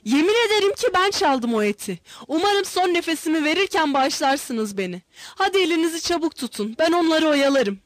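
A desperate, guilt-stricken man confessing and urging his companions to flee , as a woman narrator puts him on. The voice rides high and swings widely, with an urgent, pleading push, recorded close and dry. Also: very animated, brisk, hardly any pauses, no room sound. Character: desperate guilt-stricken male gold seeker, self-sacrificing.

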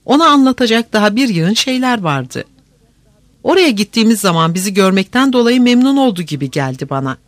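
A young man from a storybook, the second twin, mulling things over in an unsure, musing way, as the reader puts him on. The delivery swings in pitch, and the recording is dry and close. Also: very animated, fairly quick, no room sound, natural voice. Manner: musing, uncertain.

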